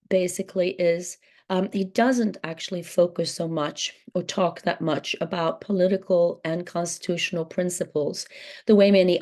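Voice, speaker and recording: Croaky, hesitant woman with a dark voice. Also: fairly low pitch. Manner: hesitant, many ums and restarts. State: hoarse from laryngitis. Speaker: book event moderator. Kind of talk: introductory remarks at a book talk.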